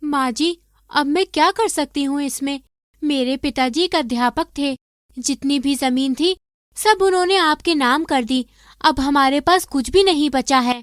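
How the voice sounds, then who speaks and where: A gentle, downtrodden young wife in a cartoon story, voiced by a woman, pleading softly and giving in. Her voice is very high and sounds dry and close. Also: a little slow, no room sound. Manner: pleading, submissive. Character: meek poor young daughter-in-law. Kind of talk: animated story voice acting.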